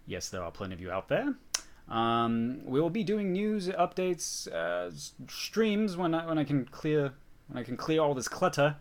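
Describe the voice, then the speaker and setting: A man's voice: a little high, big pitch swings, normal speed. A man hosting a casual news rundown while sick, rambling and mocking himself, with frequent restarts. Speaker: channel host.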